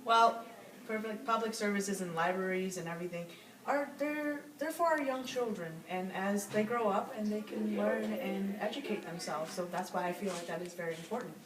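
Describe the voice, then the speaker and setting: A woman's voice: mid-range voice, moderate pace, crowd noise, close to an everyday voice. A smug, self-made male steel tycoon in an amateur skit, played by a woman. The delivery is defiant and boastful, full of repeated rhetorical questions. It is recorded far from the mic in an echoey room with people chattering. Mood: defensive, boastful. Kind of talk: amateur student skit interview.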